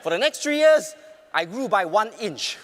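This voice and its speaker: A forty-year-old man with a Bruneian accent giving a rehearsed motivational stage speech, projecting loudly and dramatically with deliberate pauses. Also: high-pitched, very animated, slight background noise. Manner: loud, projected stage delivery. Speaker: contest public speaker. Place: on stage in a large hall. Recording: reverberant large hall.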